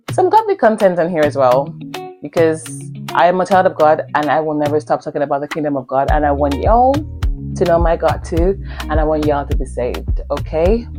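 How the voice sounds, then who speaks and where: A young Nigerian woman with a Nigerian accent talks earnestly to camera on her first vlog, repeating herself for emphasis while faint music plays behind. Her voice sits low with a darkish tone, and the talk is casual.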